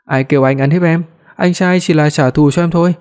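Picture a man reading aloud as a clingy, playful young wife in an audiobook story, her voice a touch higher and softly mellow. She pleads and pouts, always a little sulky. The tone stays warm rather than bright. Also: steady tone, a little fast, clear, resonant tone, lightly acted. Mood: pouting.

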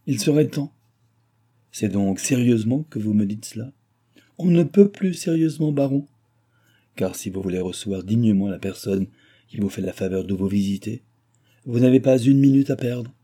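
A man reading an audiobook, voicing a mysterious male sorcerer with a calm, confident, faintly mocking manner. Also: medium pitch, moderate pace, breathy edge. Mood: assured.

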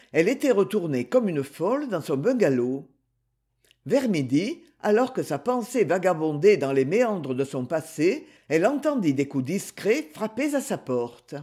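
Male novel narrator, husky, lively and expressive. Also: high-pitched. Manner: expressive literary reading. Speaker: audiobook narrator. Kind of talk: scripted narration.

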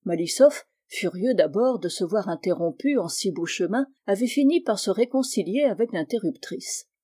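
A woman reads a classic novel aloud in a measured, expressive manner. Her voice is mellow and warm, with a mid-range pitch. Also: husky. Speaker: narrator. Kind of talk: audiobook reading.

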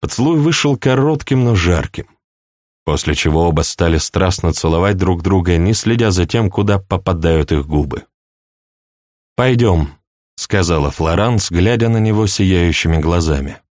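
Man reading an audiobook, steady voice, dry no-echo sound. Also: deep voice, moderate pace. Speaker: audiobook narrator. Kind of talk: scripted narration.

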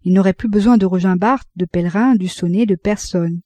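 Lady reading a classic novel aloud, smooth and measured, super dry sound. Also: medium pitch, mellow, dry recording. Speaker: audiobook reader. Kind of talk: literary audiobook narration.

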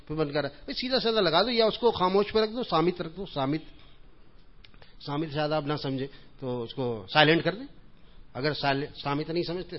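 A man giving an informal religious talk in a mosque, telling humorous anecdotes in a chatty way and chuckling at his own jokes. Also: on the high side. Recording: dull lo-fi recording.

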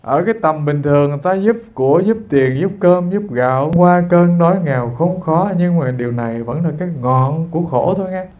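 A man's voice: fairly high pitch, brisk, few pauses, darkish tone. A man giving a Buddhist sermon, talking straight to his listeners in an earnest, storytelling way. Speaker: Buddhist monk giving a dharma talk.

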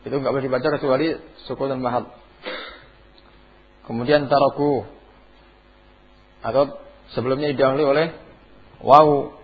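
A man with a medium-pitched, slightly rough voice and fairly even intonation talks at normal speed, leaving long pauses. As a tajwid teacher on a dull lo-fi classroom recording, he quizzes his class on Quranic recitation rules and chants examples along the way.

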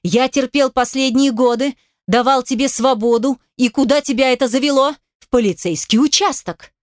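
A woman reading the lines of a domineering, angry aging father in an audiobook, giving curt orders and shouting threats. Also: medium pitch, normal speed, no echo, studio quality, close to an everyday voice. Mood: furious shouting. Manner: harsh commanding, shouts threats. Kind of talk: audiobook character voice.

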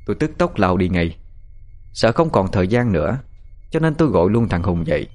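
A man narrating a spooky story in an expressive, dramatic way. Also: sits low, moderate pace, faint music behind. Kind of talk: narrated audio horror story.

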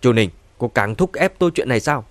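A man's voice: mid-range voice, expressive, brisk, no echo, lightly acted. A man playing a hot-tempered old patriarch. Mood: indignant. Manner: commanding, indignant.

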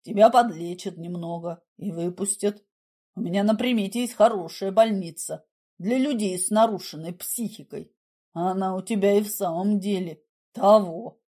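Female narrator doing a low, cool, condescending man; dry mockery, never raises his voice. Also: mellow, lightly acted. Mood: mocking calm. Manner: dry, mocking, unhurried. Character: calm mocking adult man, condescending.

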